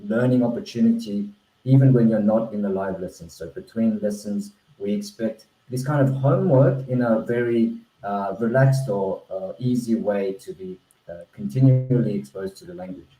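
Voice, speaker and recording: He's an Australian man with a mellow, lowish voice, speaking at a normal rate into a video-call microphone that picks up roomy echo. His first language is Korean, and he's a founder walking a webinar audience through his language-learning platform. Frequent restarts and fillers mark his earnest style.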